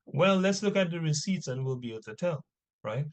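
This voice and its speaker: A man's voice: a little high, animated, a little fast. A man teaching an informal religious history class, reading texts aloud and punctuating his points with rhetorical questions and short check-in tags.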